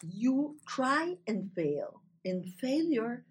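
A woman with a Latin American Spanish accent talks in a discussion. Her voice is husky and slightly rough. As a native Spanish speaker, she uses halting, non-native English and often searches for the right word. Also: a little high, sing-song. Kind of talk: spoken discussion.

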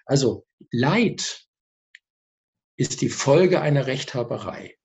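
A man, a speaker on personal growth, explaining his ideas as a guest in a TV interview, lively and full of examples. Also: medium pitch, slow, gravelly, slight background noise.

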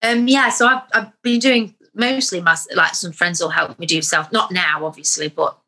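A young woman talks candidly about her acting life, her voice bright and clear. She rambles a little, restarts her sentences and pokes fun at herself. The tone is an easygoing interview chat. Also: on the low side, steady tone, moderate pace. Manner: chatty, candid, self-deprecating storyteller. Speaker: actor.

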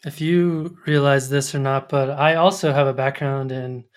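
A man's voice: mid-range voice, fairly even intonation, moderate pace. A man hosting a photography podcast, talking casually with lots of fillers and restarts. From Colorado. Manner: chatty, many fillers and restarts. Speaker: podcast host. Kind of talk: casual interview.

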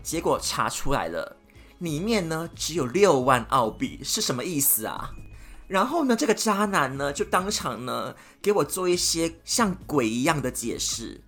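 A woman hosting a podcast, giving dating advice as a dramatic, animated storyteller who acts out scenes. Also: deep voice, normal speed, husky, soft background music.

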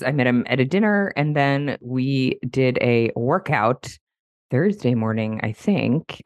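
A middle-aged woman with a cold and a hoarse, mostly lost voice, chatting upbeat as a podcast host introducing her guest. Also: very deep voice, darkish tone, dry recording.

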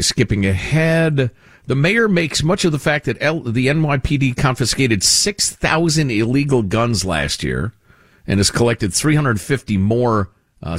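A man's voice: mid-range voice, no room sound, studio quality. A man hosting a talk show, giving sarcastic, opinionated commentary with lots of restarts. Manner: sarcastic and animated, with frequent restarts.

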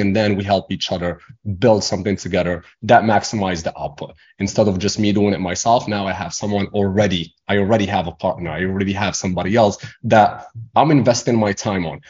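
A young man from Morocco speaks in a very deep voice, English being his second language. He rambles through his answers with frequent fillers and false starts. The recording is a little dull and lo-fi. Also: a little mellow, breathy edge. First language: not English. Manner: rambling, many restarts and fillers. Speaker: guest entrepreneur. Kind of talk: casual interview talk.

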